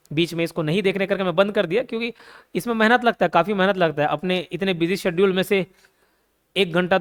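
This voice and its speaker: Young male tutor, bright high voice, playful mnemonic lecturing. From India. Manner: playful, repeats key words, asks and answers his own questions. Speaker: online exam-prep teacher. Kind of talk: Hindi lecture with mnemonic tricks.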